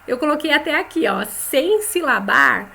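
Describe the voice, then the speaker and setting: A woman with a Brazilian Portuguese accent teaching a lesson for teachers, talking in a chatty way, often adding "né?", and saying example words slowly and clearly. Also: high voice, lively intonation, bright, forceful tone, a little hiss or hum. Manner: conversational, tags phrases with "né?".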